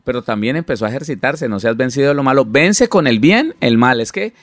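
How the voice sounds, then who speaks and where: A man's voice: medium pitch, animated, fast talker, dry recording, studio quality. A middle-aged man, a pastor, earnestly explaining Bible teaching in conversation with many restarts.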